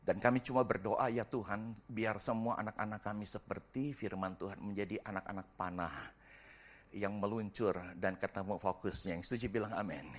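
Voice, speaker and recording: A middle-aged man, a pastor preaching a sermon and telling a family story with lively acted-out dialogue. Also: fairly low pitch, moderate pace. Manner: animated storytelling, acts out family dialogue, sings briefly.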